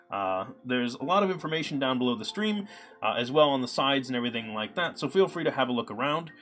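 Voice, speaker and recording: A man live-streaming his coding, talking casually with many fillers, his voice a little scratchy from a cold. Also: mid-range voice. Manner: relaxed, chatty, many ums and uhs. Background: soft background music.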